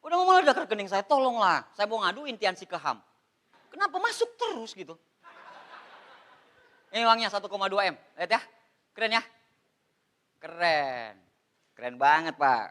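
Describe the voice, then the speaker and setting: A man from Indonesia in his thirties giving an animated, joking motivational seminar talk, addressing the audience as Pak. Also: high voice, moderate pace, pauses often. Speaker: motivational speaker on MLM.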